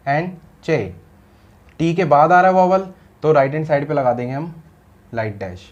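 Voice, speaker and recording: A man's voice: fairly high pitch, a little mellow, lo-fi sound. A man teaching shorthand in a classroom style, explaining step by step and asking rhetorical questions, mixing Hindi with English terms.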